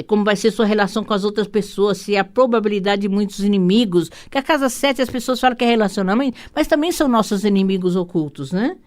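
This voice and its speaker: Brazilian woman, radio host, mid-pitch, chatty explainer with restarts and tag questions. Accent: Brazilian Portuguese. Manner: rambling, warm asides with frequent "né?" tags; hurried, many restarts and repeated words. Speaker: radio show host and holistic psychotherapist. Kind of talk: radio talk explaining astrology.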